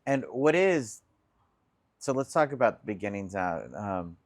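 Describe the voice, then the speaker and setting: A man's voice: on the low side, sing-song, a little slow. A man hosting a casual interview and asking short, direct questions. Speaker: podcast host.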